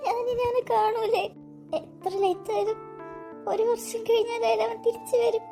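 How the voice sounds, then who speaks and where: A very high, girlish voice of a young woman in a cartoon drama, acted by a woman, sobbing and pleading in a breaking voice over a bed of music. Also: fairly even intonation, moderate pace, gravelly. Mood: grieving. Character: grief-stricken young woman, his sister.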